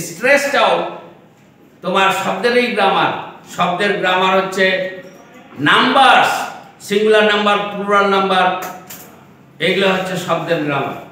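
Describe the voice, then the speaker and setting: A man's voice: high voice, bright, forceful tone. A man teaching an English lesson, explaining step by step and repeating his phrases. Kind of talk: classroom lesson. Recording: echoey room, from far off.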